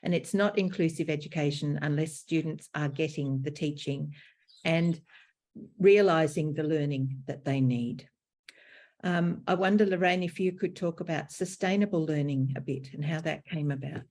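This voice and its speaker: An Australian teacher educator gives a measured, slightly formal conference presentation over a video call. Her voice sits low with a darkish tone.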